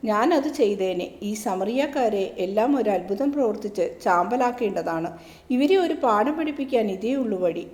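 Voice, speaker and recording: A woman's voice: mid-range voice, lively intonation, normal speed, darkish tone, echoey room, close to an everyday voice. A woman voicing an angry, hot-headed male disciple who speaks in an indignant, complaining way.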